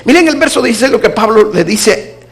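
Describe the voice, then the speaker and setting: A man preaching a sermon as pastor, moving between emphatic declarations and hushed low asides. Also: expressive, a little fast.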